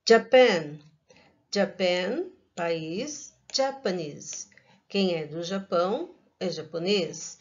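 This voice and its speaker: A Brazilian woman teaching an English lesson to young children in a recorded online class, speaking slowly and carefully and repeating each word. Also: fairly low pitch, animated, lo-fi sound. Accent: Brazilian Portuguese.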